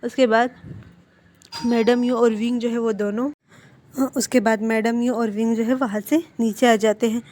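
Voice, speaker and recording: A woman retelling a drama's plot in a relaxed, conversational way. Her voice sits a little high, and she often restarts a sentence as she goes. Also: moderate pace. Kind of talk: casual story retelling.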